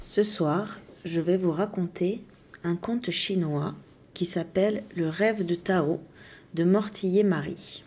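A woman reading a bedtime tale aloud in a calm, measured storytelling manner. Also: on the low side, husky.

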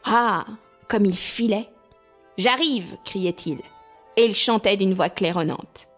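Expressive woman reading a fairy tale. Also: mid-range voice, measured pace, faint music behind. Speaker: storyteller.

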